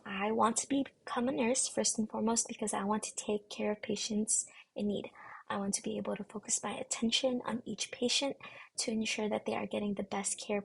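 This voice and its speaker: Gravelly breathy young woman, flat delivery. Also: medium pitch. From Philippines. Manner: earnest, formal, rehearsed delivery. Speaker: nursing program applicant. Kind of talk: prepared interview answers.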